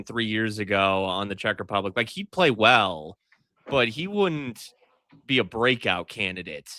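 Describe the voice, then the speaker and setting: A man's voice: fairly low pitch, bright, forceful tone, no room sound. A man co-hosting a casual hockey analysis chat, talking through his opinions in an informal way. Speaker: sports show co-host. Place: hockey arena after a game. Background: arena ambient noise.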